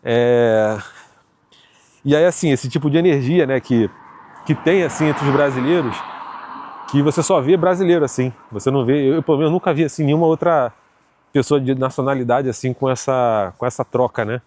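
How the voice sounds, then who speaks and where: In a mid-range voice at a moderate pace, with a little hiss or hum on the recording, a man from Rio de Janeiro vlogs in a Carioca accent. He chats easily with viewers, using many fillers and tag questions.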